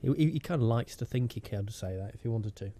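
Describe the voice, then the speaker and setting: A man's voice: mid-range voice, lively intonation, fast talker, mellow. A man co-hosting a podcast, trading silly jokes and breaking into funny voices. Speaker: podcast co-host. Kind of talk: casual comic banter.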